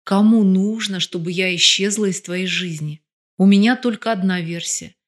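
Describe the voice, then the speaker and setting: A woman voicing a sharp-tongued ironic wife. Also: mid-range voice, normal speed, lightly acted. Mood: serious. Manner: ironic, blunt.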